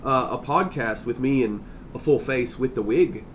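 A man's voice: mid-range voice, normal speed, slight background noise. A man with a campy drag-queen persona hosting a casual podcast chat, effusive and freely swearing, calling people darling. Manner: freely profane. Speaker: podcast host.

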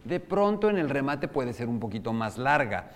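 A man's voice: medium pitch, sing-song, normal speed. A man with a Mexican Spanish accent gives an informal lecture on opera, asking his audience questions and singing short examples. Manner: explains with sung and spoken examples, asks the audience questions. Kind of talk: informal lecture to a live group. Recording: long hall reverb.

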